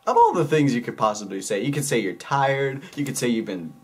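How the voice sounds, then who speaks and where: A man's voice: mid-range voice, expressive, brisk, husky. A young man co-hosting a casual vlog, chiming in with short quips. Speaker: co-host. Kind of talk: casual storytelling chat.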